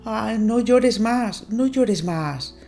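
A woman's voice: a little high, lively intonation, mellow, faint music behind, voice pushed up, heavily acted. Woman doing a sullen jealous sailor boy. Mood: tender. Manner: halting, strained, jealous.

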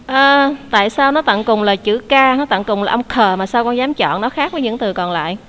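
A woman's voice: a little high, fairly quick, a bit bright, a little hiss or hum. A woman teacher, leading an online English class, explaining answers patiently and quizzing her students.

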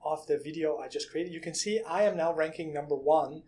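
Sitting in a small room with a desk webcam, a product reviewer in his thirties whose first language is Dutch guides viewers through software one step at a time. His slightly high male voice stays steady, broken often by "uh" and "um" as he shares his screen.

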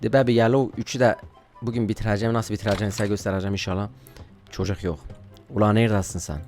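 A man casually commenting on a video game, playfully scolding and shouting, with frequent laughter. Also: on the low side, steady tone, racing, faint music behind. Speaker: gaming YouTuber.

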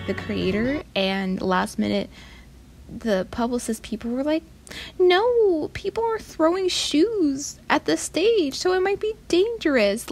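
A young woman in a casual, playful voice-over, mocking herself and dropping into hushed asides. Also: medium pitch, rough recording. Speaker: vlogger. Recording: voice over clear background music.

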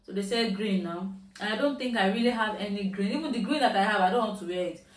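Talking quickly to the camera from inside her home, a Nigerian woman with a Yoruba lilt runs through her shopping haul in a relaxed, chatty way with occasional Pidgin. Her pitch is medium. She's recorded from some distance in a spacious room.

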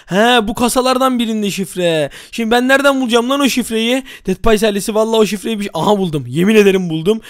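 Fast, high-voiced excited young gamer man. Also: dry recording, studio quality. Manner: excitable, addresses viewers, frequent exclamations. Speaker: gaming YouTuber. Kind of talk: excited game commentary.

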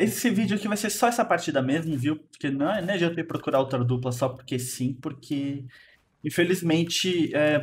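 Speaking at a medium pitch with a Brazilian Portuguese accent, this man hosts a gaming video. His match commentary is casual, and he's quick to exclaim and laugh at his own plays.

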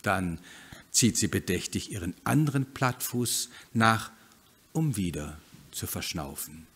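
A man reading his own children's story aloud at a live reading event, narrating in an expressive, dramatic, playful way. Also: sits low, measured pace, breathy edge.

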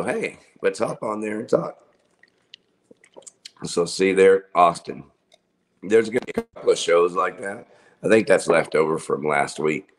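Man, very low voice, unhurried delivery, rambling, profane, casual livestream host. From Texas. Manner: rambling and profane, with filler words. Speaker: host of a local music video show. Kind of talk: casual livestream chat, promoting bands and shows.

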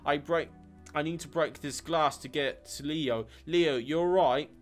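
A man's voice: fairly high pitch, a little slow, soft background music, lightly acted. A man voicing an anxious young boy hero, reading his lines aloud from a video game. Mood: worried.

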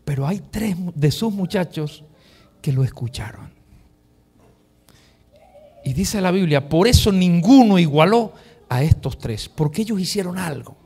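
A male pastor preaching a sermon, telling the story with lively acted-out voices and dropping to a hushed near-whisper for emphasis. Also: sits high, measured pace, long pauses, husky. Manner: animated storytelling, acting out quoted voices.

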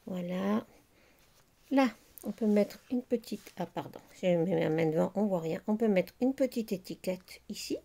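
A middle-aged woman hosting a casual crafting video, chatty and unhurried with many fillers as she shows her handmade work. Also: medium pitch, vocal fry, dark tone. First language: French. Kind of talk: casual crafting show-and-tell.

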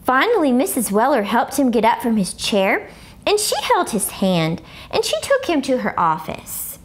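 In an expressive children's book read-aloud, a woman voices an excitable, blunt first-grade girl with a fairly high pitch. At normal speed and in an animated mood, she uses childlike grammar and piles on exaggerated emphasis.

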